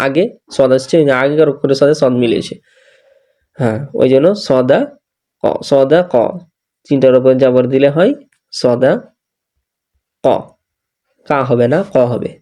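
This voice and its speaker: Patient male Quran teacher, mellow voice. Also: mid-range voice, moderate pace, pauses often. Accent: Bangladeshi Bengali. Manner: patient, repeats each syllable and corrects mistakes. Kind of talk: slow teaching, spelling out letters and syllables.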